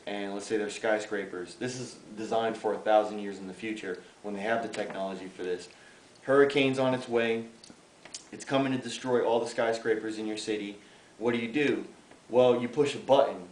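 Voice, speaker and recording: Outdoors, a man in his thirties from the Bronx, New York, talks about his graffiti work in a relaxed interview, rambling and full of fillers. His darkish voice sits low, and the low-quality audio sounds roomy with slight background noise.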